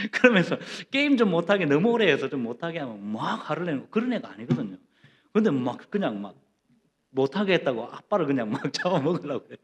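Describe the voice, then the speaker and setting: A middle-aged man preaching a sermon as pastor, telling homely personal stories in a lively, conversational way. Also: mid-range voice. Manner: animated, with playful personal stories.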